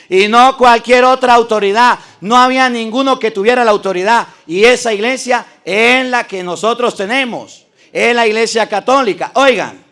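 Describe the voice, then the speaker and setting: In a debate, a priest preaches his argument with emphasis, speaking straight to his opponents and stressing points by repeating phrases from scripture. His voice is very high and a bit bright.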